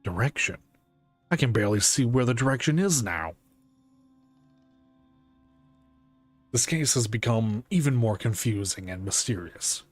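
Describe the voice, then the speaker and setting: Man reading as a measured, serious police detective. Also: medium pitch, lightly acted. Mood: puzzled. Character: calm, conscientious male police detective pondering a case. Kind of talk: reading game dialogue aloud.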